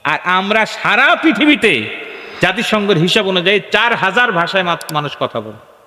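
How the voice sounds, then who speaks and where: A male preacher giving an animated sermon at a gathering, asking the crowd questions and chanting verses in a sung tone. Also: high voice, normal speed. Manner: animated, asks the crowd questions and calls for responses. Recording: echoey hall with long reverb.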